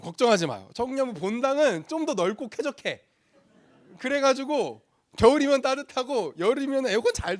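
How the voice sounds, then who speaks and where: Lively young male youth pastor. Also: extremely high pitch. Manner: lively, playful, acts out voices in the story. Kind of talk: sermon to a youth group.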